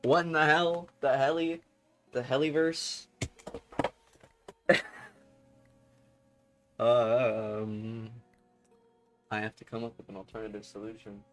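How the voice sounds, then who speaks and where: A man's voice: medium pitch, steady tone, takes it slowly, long pauses, a bit bright, faint music behind. Chatty young male streamer. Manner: rambling and chatty, laughs often, trails off into muttering. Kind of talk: casual chat with a live-stream audience.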